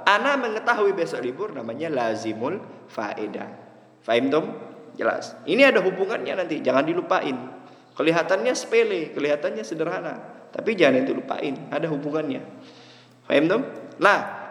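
A man giving a classroom lecture on Arabic rhetoric who keeps asking his students whether they understand, mixing Arabic terms into his explanations with lively swings in pitch. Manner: lively, wide pitch swings between emphatic high lines and low asides. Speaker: religious teacher. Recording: echoey hall reverb.

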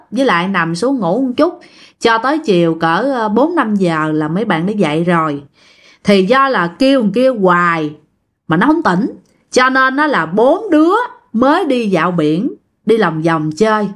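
A woman's voice: mid-range voice, fairly bright tone. A woman telling a ghost story in a chatty, casual way, often addressing her listeners.

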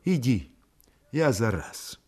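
A man's voice: animated, a little slow, husky. A man reading a sick, frightened Cossack woman. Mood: weary. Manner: quiet, low, partly whispered.

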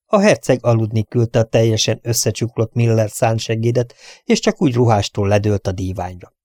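A man reading a novel aloud as an audiobook narrator, in an even, measured way. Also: lowish voice, dry recording, clean studio sound. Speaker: audiobook reader.

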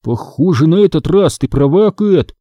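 A man's voice: a little high, lively intonation, moderate pace, warm tone, no echo, muffled recording, voice pushed up. A man voicing a timid little boy who sulks and grumbles sheepishly. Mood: cheeky.

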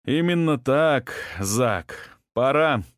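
A man's voice: mid-range voice, animated, very slow, no echo, clean studio sound, pitched above the performer's own voice. A man reading an audiobook, voicing a fervent, zealous man urging someone on with intensity.

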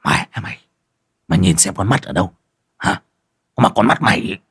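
Gruff, grim old husband, low and husky, voiced by the narrator. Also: male voice, expressive, moderate pace, dry recording, clean studio sound, heavily acted. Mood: angry scolding. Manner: grim, menacing, sometimes hushed. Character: gruff, cold-blooded older village husband.

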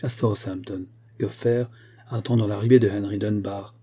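A man's voice: on the low side, steady tone, moderate pace, warm tone, slightly rough. A man voicing a bitter, commanding middle-aged man who speaks with mocking scorn. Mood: scornful.

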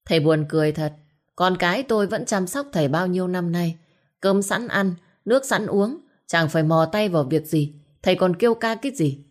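A woman's voice: fairly low pitch, close to an everyday voice. A woman voicing a cold, resentful middle-aged son who scolds his sick father sharply. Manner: sharp, scolding, quick retorts.

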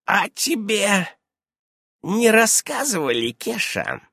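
A man voicing a fussy, brisk old female witch who keeps darting from question to question in an audiobook. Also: wildly swooping pitch, bright, forceful tone, husky, no echo, studio quality, full character voice. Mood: brisk, prying. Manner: shrill, darting, interrupting. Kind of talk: audiobook character voice.

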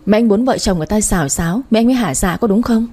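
A woman's voice: mid-range voice, racing, warm tone, lightly acted. A woman voicing a fierce, outspoken young woman who scolds and protects her family, speaking sharply. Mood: scolding.

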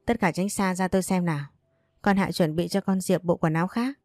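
A woman's voice: fairly low pitch, darkish tone, dry recording, clean studio sound, faint music behind, lightly acted. A woman voicing a stern, bossy old man. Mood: commanding. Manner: barking brisk orders. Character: stern older man, domineering father figure.

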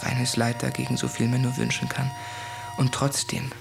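An actor in a radio drama speaking intimately and broodingly, often in a whisper, over music. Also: male voice, mid-range voice, completely flat delivery, moderate pace, vocal fry. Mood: pleading. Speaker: narrator and protagonist. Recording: music in background.

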